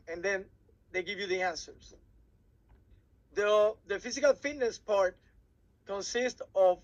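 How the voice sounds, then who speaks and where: A cadet program instructor from Puerto Rico, a native Spanish speaker, gives cadets a workshop briefing in English with a Puerto Rican Spanish accent. His voice sits high, and he often halts, restarts, and repeats words as he goes. The recording is low quality.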